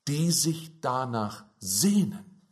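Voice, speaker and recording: A man preaching a sermon, slow and emphatic, his fervor rising on key phrases. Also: medium pitch, very animated.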